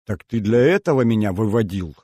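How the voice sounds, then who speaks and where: A man's voice: lowish voice, animated, brisk, mellow, husky, no room sound, clean studio sound. A man voicing a curt, prickly young woman spy in an audiobook reading. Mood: snappish. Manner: curt, snappish.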